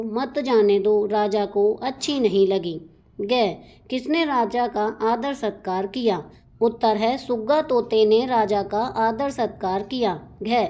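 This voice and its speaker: A woman teacher reading a children's story aloud and going through the lesson questions in a clear, careful voice. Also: on the high side, dark tone, dull audio.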